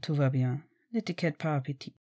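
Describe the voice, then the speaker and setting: A woman doing a halting Frenchman. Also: low voice, dark tone, husky, voice pushed down. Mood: kind, halting. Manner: halting, searching for words. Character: hesitant Frenchman, warm fiancé.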